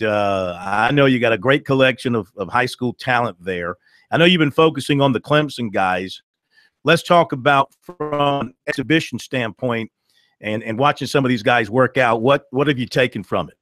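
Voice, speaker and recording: A man's voice: mid-range voice, fairly bright tone, dry recording. Sports radio host, thirties man, fired-up opinionated rant, dry studio sound. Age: 30s. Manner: emphatic, ranting, laughs easily. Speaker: sports talk show host.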